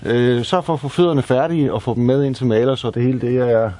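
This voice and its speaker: A Danish man narrates a hands-on do-it-yourself tutorial in a casual, plain-spoken, explanatory manner. His mid-range voice is warm with fairly even intonation, and the recording has an echoey room and faint background noise.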